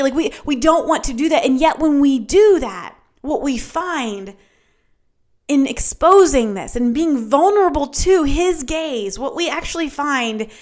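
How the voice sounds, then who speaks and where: A woman hosts a faith-based teaching podcast. Her voice sits a little high, and she speaks with earnest emphasis. She often repeats phrases to drive her point home. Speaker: podcast host.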